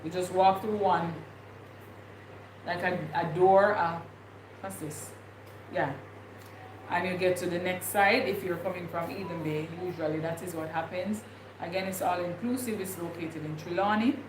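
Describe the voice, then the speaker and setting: With a lowish voice, steady tone and normal speed, a young vlogger with a Jamaican accent chats casually on a livestream. She rambles and thinks aloud, using lots of fillers, in an echoey room where background noise is clear.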